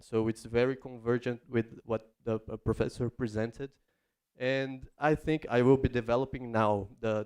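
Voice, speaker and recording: A man's voice: medium pitch, a little mellow, smooth. A man presenting research as an academic, in hesitant phrasing.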